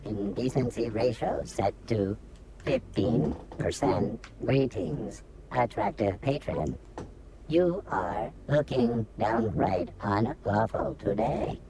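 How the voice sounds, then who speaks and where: A woman voicing a deadpan female bartending robot in a video game, her voice run through a robotic filter and delivered in flat, mechanical announcements like a machine booting up. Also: very deep voice, slow, heavily acted. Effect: robotic synthesized voice filter. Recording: game audio with crowd chatter behind.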